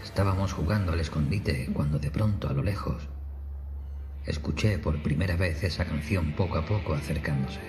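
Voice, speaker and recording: Over clearly audible background music, a man with a very low voice narrates a scripted horror story in the first person at a moderate pace.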